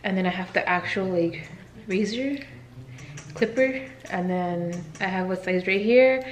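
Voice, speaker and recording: A woman's voice: medium pitch, measured pace, a little hiss or hum. A woman vlogging at home in a casual, chatty way, talking straight to her viewers. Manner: chatty, addresses viewers as "you guys". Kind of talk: casual vlog chat with sponsor read. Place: home room. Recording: echoey room.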